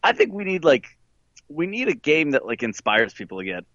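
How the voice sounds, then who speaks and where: A man chats casually over an internet call line that drops out now and then, his talk loose and full of fillers. His voice sits on the high side with wildly swooping pitch, a brisk pace and a fairly bright tone. The call-line audio is dull and dry.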